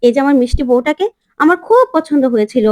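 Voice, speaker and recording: A woman's voice: high-pitched, animated, fast talker. A woman voicing a tipsy young husband who boasts and teases.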